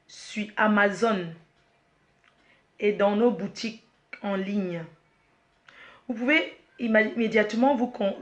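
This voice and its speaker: A woman, the head of her company, presenting a product launch slowly, repeating herself, restarting, and apologizing while she is emotional and choked up. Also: medium pitch. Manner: slow, repetitive, with frequent restarts and apologies.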